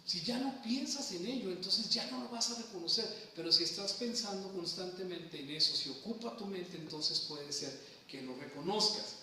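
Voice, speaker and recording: A man's voice: sits high, moderate pace, hardly any pauses, sharp tone, a little hiss or hum. Echoey man preaching from far off. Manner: teaching, asking the congregation questions, retelling scripture. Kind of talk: sermon.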